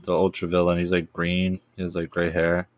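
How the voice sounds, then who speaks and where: A man with a lowish voice co-hosts a cartoon review podcast. He talks casually and rambles, swearing and laughing. The sound is close and dry. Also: completely flat delivery, a little fast, no room sound. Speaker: podcast co-host. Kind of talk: casual chat.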